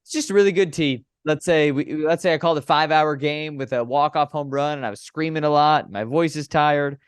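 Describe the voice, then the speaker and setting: A young man in his twenties, a baseball broadcaster chatting as a podcast guest in an animated, storytelling way. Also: fairly high pitch, fairly quick, clear, resonant tone, dry recording, studio quality. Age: 20s. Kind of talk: conversational interview.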